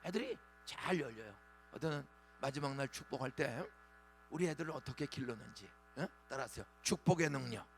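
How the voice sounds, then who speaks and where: A man in his sixties, a pastor preaching a dawn revival sermon in a church, with lively call-and-response prompts to the congregation. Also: mid-range voice, brisk, soft background music. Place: church sanctuary.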